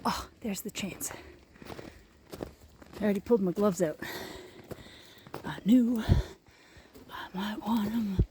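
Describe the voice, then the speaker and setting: A woman talking to her viewers in a casual, excitable way as she hikes a steep icy mountain trail alone. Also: mid-range voice, normal speed, long pauses, slight background noise. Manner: chatty, excitable, talks to viewers while climbing. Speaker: solo hiking vlogger. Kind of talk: casual hiking vlog narration.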